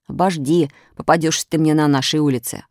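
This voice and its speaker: A woman voicing a boastful little schoolboy who shouts threats at his classmates in a storybook reading. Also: low voice, steady tone, fairly quick, no room sound, clean studio sound, lightly acted. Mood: cocky. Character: cocky small schoolboy, boastful bully.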